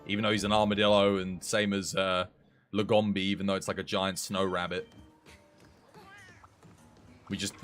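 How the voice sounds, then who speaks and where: A man's voice: fairly low pitch, fairly bright tone. A young man on a headset mic, chatting casually to his livestream viewers while commenting on his game. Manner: chatty, rambling, swears mildly, talks to chat. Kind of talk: casual gameplay commentary and chat.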